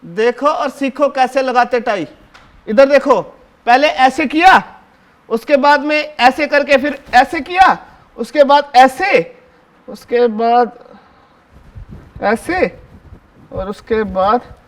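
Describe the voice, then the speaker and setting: A cheeky seventh-grade schoolboy, played by a man on stage in a one-man show, talking straight to the audience in a very high, boyish voice. He hushes and orders his classmates around and tattles to the teacher, sprinkling "sir" into every sentence. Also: moderate pace, pauses often. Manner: bossy, chatty, keeps hushing and ordering classmates; fawning toward the teacher, repeats "sir" constantly. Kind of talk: live solo stage acting, addressing the audience.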